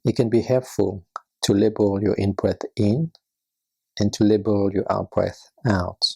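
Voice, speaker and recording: With a low-pitched, husky, breathy and creaky voice and fairly even intonation, this guide narrates a meditation in a soft, calming, unhurried way.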